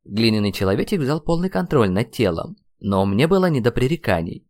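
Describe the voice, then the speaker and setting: A man's voice: mid-range voice, sing-song, a little fast, a little mellow. A man reading a fantasy audiobook as a first-person narrator, telling the story expressively. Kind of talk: scripted narration.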